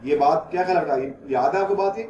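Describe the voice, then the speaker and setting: A man lecturing a math class, explaining each step patiently and stopping to ask if the students follow. His voice sits high. The recording has a roomy echo and a faint hiss behind it. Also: quick pace, dark tone, muffled recording. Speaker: math teacher.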